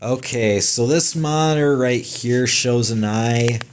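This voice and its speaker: A man's voice: mid-range voice, slow, a little hiss or hum. A young man hosting a gaming channel, giving a casual, rambling trailer breakdown with many fillers, restarts and casual swearing.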